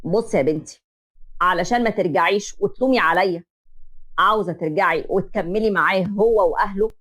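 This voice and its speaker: A woman voicing a stern, protective middle-aged father with an Egyptian accent, speaking in a grave, measured way in a told story. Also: lowish voice, a bit bright, voice pushed down. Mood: firm, stern.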